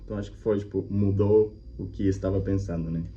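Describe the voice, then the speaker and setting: A man's voice: deep voice, steady tone, fast talker, mellow. A man, hosting and teaching language in a chatty, explanatory way, often checking in with "né?". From Colombia. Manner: friendly, chatty, repeats examples with frequent "né?". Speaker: language teacher and channel host. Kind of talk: casual explanatory reaction video. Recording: slightly muffled with faint hum.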